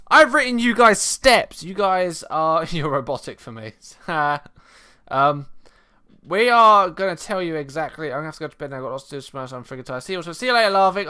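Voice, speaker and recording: Chatty bright-voiced man. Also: on the high side, smooth. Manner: chatty, laughs often, bursts of loud energy. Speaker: stream host. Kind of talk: casual live-stream chat.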